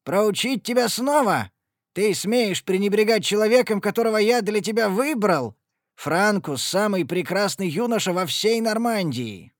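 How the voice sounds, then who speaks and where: A man's voice: a little high, unhurried, dry recording, clean studio sound, close to an everyday voice. A man voicing a brutal old mercenary father who roars harsh scolding at his daughter. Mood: furious.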